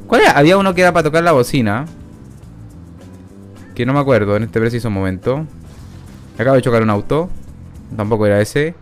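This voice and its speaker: A man's voice: mid-range voice, animated, a little fast, pauses often, faint music behind. Chatty man commenting on gameplay. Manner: rambling, self-mocking, chatty. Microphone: new studio microphone.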